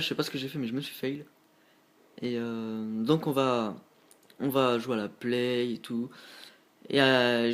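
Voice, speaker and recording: A teenage boy from northern France casually telling his viewers a story, slangy and rambling, often calling out to them as guys. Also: mid-range voice. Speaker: vlogger.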